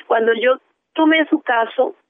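A woman therapist telling a case story in an animated, lively way over a phone line. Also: a little high, unhurried, no room sound.

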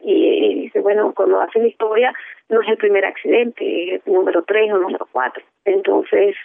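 A woman therapist telling a case story in an animated, lively way over a phone line. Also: mid-range voice, normal speed, creaky, dry recording.

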